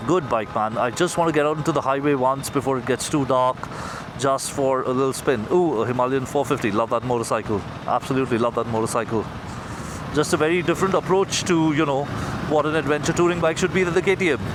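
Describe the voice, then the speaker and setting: A man with an Indian accent giving casual motovlog commentary, speaking into his helmet as he rides a motorbike outdoors. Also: on the high side. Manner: talking into his helmet while riding. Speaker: motorcycle reviewer. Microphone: mic inside helmet. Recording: noisy road and engine sound, helmet mic.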